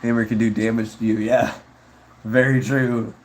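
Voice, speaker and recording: A man's voice: mid-range voice, flat delivery, moderate pace, rough recording. A man chatting casually on a livestream, rambling laid-back about viewer comments and calling people bro and dude. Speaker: streamer.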